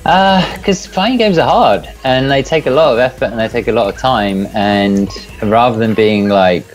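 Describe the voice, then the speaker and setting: A middle-aged man from England with an English accent, chatting as a guest over a video call in a relaxed, rambling way, swearing now and then. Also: mid-range voice, normal speed, faint music behind, rough recording. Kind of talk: casual interview chat. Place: home room, indoors. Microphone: earphone mic on a video call.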